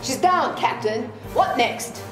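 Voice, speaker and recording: A woman playing an excitable, eager friend in a light skit, with a bubbly way of talking. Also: sits high, takes it slowly, music in the background.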